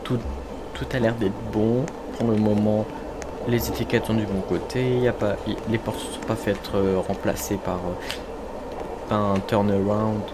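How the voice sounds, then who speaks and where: A man's voice: fairly low pitch, little pitch movement, a little slow. A man casually commenting on his own gameplay, chatty and self-mocking, talking to his viewers. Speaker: gamer. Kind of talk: casual let's-play commentary. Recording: noticeable background noise.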